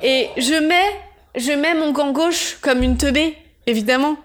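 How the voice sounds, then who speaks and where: A woman's voice: high voice, measured pace. A woman chatting casually and telling stories in crude slang, with a giggly manner. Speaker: midwife telling work anecdotes as podcast guest. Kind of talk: casual chat, storytelling.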